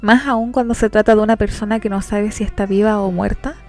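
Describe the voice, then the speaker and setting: A woman voicing a commanding, cold young girl who gives stern orders in a storybook reading, her tone a bit gravelly. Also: mid-range voice, steady tone, a little fast, a little mellow, faint music behind, natural voice. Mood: cool.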